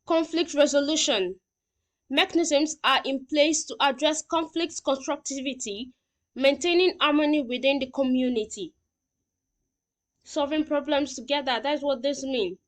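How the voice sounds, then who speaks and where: This high-pitched woman is a teacher reading lesson points, giving simple explanations, and checking in regularly on whether learners have understood.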